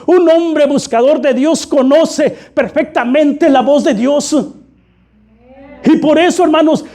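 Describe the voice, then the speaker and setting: A man's voice: very high voice, dark tone. A man preaching a fervent sermon, constantly calling his listeners brother. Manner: fervent, repeatedly addressing "hermano".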